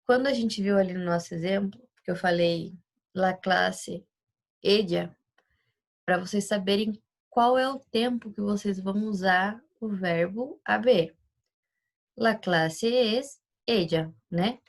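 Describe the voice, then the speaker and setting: A woman's voice: medium pitch, unhurried, gravelly. A woman teaching Spanish in a recorded class lesson, explaining patiently and checking often that the students follow along. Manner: explains patiently, checks understanding with tag questions.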